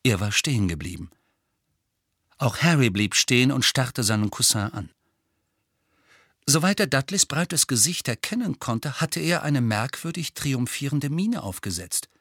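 A man reading a novel aloud with animated, expressive narration. His voice is bright with a husky edge, recorded close in a dry room. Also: medium pitch, a little slow, no echo. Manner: lively, expressive storytelling. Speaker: audiobook narrator. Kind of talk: scripted narration.

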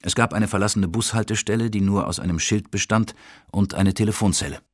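A man narrating an audiobook in a husky, measured, matter-of-fact voice. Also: fairly low pitch, dry recording, clean studio sound.

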